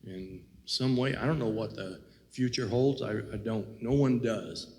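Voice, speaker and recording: A man's voice: medium pitch, a little slow, darkish tone, in a large hall. A man co-hosting a casual faith talk, reflective and rambling, with many "you know"s. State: has the hiccups. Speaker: co-host.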